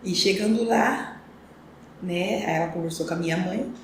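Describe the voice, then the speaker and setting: A woman's voice: lowish voice, moderate pace. A woman, a podcast interview guest telling her life story in an earnest, reflective, rambling way. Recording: echoey room with faint ambient noise.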